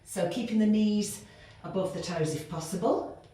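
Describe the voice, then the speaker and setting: Her mid-range voice has a dark tone and a moderate pace. She's a fitness instructor giving workout cues as she does the moves herself, becoming winded, in a very echoey room where faint noise can be heard.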